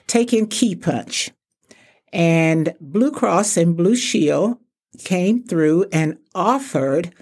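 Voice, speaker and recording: A woman's voice: fairly low pitch, a little mellow. An older woman from Texas, a retired executive, answering interview questions graciously. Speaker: interview guest.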